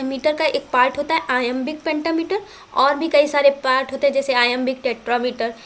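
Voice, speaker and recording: A woman's voice: high-pitched, a little hiss or hum. A woman teaching an exam-prep lecture, asking questions and answering them herself, spelling words out letter by letter.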